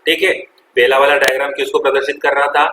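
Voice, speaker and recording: A man's voice: medium pitch, completely flat delivery, quick pace, sharp tone, reverberant, a little hiss or hum, rough recording. A male chemistry teacher, lecturing a classroom and quizzing the students, repeating their answers and calling them "beta". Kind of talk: classroom lecture with call-and-response.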